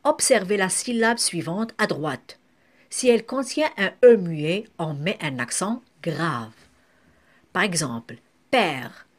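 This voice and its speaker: A woman teaching French spelling in a slow classroom manner, breaking words into syllables and sometimes correcting herself. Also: on the low side, animated. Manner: spells out syllables one by one, with occasional self-corrections.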